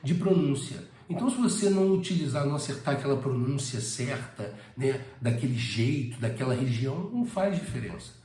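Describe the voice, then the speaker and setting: A man's voice: medium pitch, expressive, brisk, hardly any pauses, mellow, reverberant. A man from Brazil with a Rio de Janeiro accent, teaching a casual spoken lesson with frequent hesitations and repeated words. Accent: Rio de Janeiro Portuguese. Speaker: English teacher.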